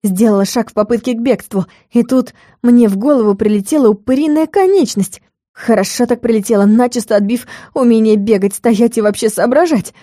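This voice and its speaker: Mellow-voiced woman narrating a fantasy audiobook. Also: fairly high pitch, brisk, dry recording, clean studio sound. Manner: lively, expressive storytelling.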